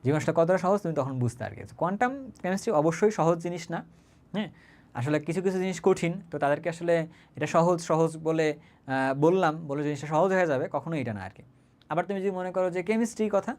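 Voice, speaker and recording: Rapid-fire chemistry teacher, man. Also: a little high, darkish tone. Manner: conversational, often checks understanding with quick tag questions; mixes English words into his talk. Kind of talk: online class lecture.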